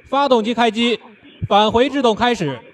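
A man's voice: extremely high pitch, normal speed. A man working as a mission control operator, making clipped, formal callouts.

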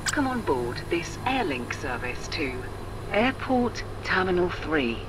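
A woman's voice: lowish voice, noisy background. A woman voicing an onboard train announcer. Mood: announcing. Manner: calm, measured, formal.

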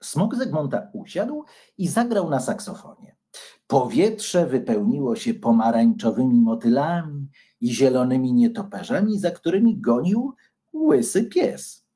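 A man reading a children's story aloud in an expressive, animated storytelling style. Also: medium pitch. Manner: animated and unhurried.

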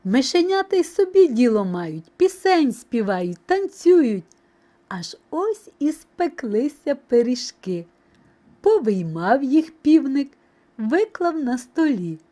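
A woman narrating an audio fairy tale for children in an expressive storytelling manner. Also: high-pitched, slow pace.

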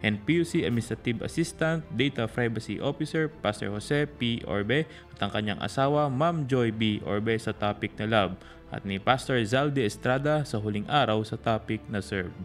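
A man narrating a news report in a steady voice-over. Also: medium pitch, normal speed, soft background music.

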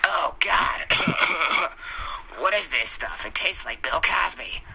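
A young man voicing a sleazy creep who coughs and gags in a comedic mock advert, with a breathy, strained high voice. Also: lively intonation, slow, sharp tone, a little hiss or hum, heavily acted, rough recording. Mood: disgusted. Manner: choking, coughing, breathy whining.

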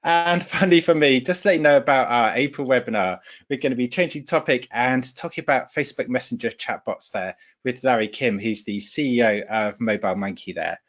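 A man's voice: medium pitch, fairly quick, hardly any pauses, fairly bright tone. A man hosts an online webinar in an upbeat, informal way, his voice in a middle range. The audio is dull and lo-fi, like a computer call. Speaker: webinar host. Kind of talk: webinar hosting.

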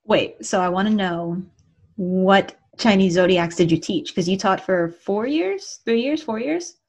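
Woman co-host, plain mid voice, quick curious questions. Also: medium pitch, animated, a little mellow. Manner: brief interjections, curious questions. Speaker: podcast co-host. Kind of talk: casual chat.

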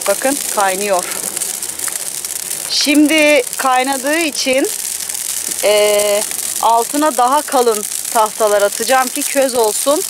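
A young woman vlogging outdoors in her garden, chatting casually to the camera and cooing sweetly to her pets. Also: mid-range voice. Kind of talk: casual outdoor vlog narration. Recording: clear outdoor background noise.

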